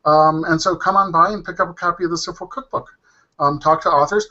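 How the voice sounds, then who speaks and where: A man's voice: a little high, steady tone, fast talker, sharp tone. A man talking casually as a panel guest, hesitant and full of ums and uhs. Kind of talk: casual chat. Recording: dull lo-fi audio.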